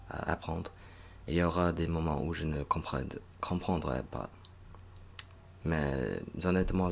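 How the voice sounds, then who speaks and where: Very deep, gravelly-voiced young man musing. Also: a little hiss or hum. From United States (northern Virginia). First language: English. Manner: hesitant, many filler pauses and restarts. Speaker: recent master's graduate vlogger. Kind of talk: unscripted reflective monologue.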